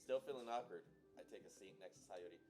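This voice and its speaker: A man's voice: on the low side, fast talker, darkish tone. A man narrating a visual novel on a live stream, breaking off for jokey asides. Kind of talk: live game read-along, voice acting. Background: game music.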